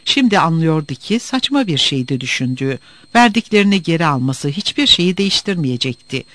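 A man narrating a story with an expressive, dramatic reading. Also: a little high, fairly quick.

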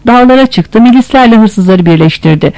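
A narrator reading a literary novel aloud in a measured storytelling manner. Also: mid-range voice, animated, darkish tone, clear, resonant tone, dry recording, poor audio. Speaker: audiobook narrator.

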